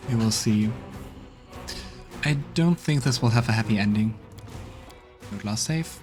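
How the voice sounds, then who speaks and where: This is a let's play streamer, a man whose fairly low voice is unhurried. With faint game music in the background, he offers casual gameplay commentary, musing aloud and mumbling commands amid frequent hesitation.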